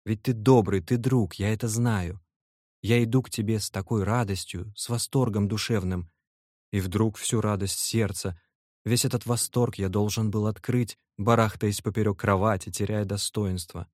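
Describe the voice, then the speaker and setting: A man voicing a nervous, lovestruck young male clerk in an audiobook, speaking in a halting, heartfelt way. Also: lowish voice, fairly even intonation, darkish tone, no room sound, studio quality, lightly acted. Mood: earnest.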